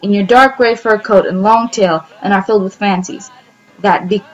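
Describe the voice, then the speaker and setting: A sly, greedy cat, as a woman reading a storybook puts her on. She answers in a cool, offhand way and coaxes smoothly. The voice stays close to the reader's own middle pitch. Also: steady tone, normal speed, lo-fi sound, close to an everyday voice. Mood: coaxing.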